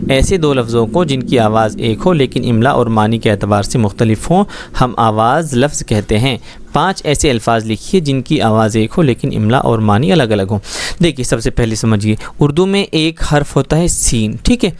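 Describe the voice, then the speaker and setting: A man's voice: medium pitch, expressive. A man teaching a schoolbook Urdu lesson, explaining words patiently and often checking that students follow. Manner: patient, explains slowly with frequent check-ins.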